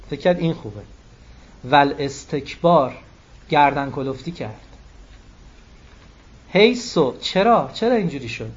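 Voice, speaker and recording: A man giving a religious sermon, emphatic, repeating key phrases and quoting Arabic texts. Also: fairly high pitch. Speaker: cleric. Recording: dull lo-fi recording.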